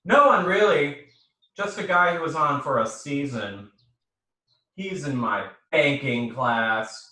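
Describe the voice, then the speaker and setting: A man's voice: fairly high pitch, takes it slowly, sharp tone. Wry man in an echoey room. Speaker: podcast co-host. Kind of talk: comic reading and casual chat. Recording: echoey room, far from the mic.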